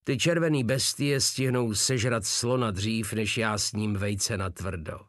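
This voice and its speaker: A man's voice: lowish voice, fairly bright tone, no echo, studio quality, close to an everyday voice. A man voicing a big, crude male soldier who jokes in a mocking way, in a storybook reading. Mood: blunt, practical.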